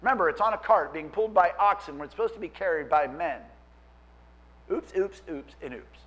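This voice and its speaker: A man preaching a sermon as pastor, animated and acting out quoted voices. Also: high voice, brisk, poor audio.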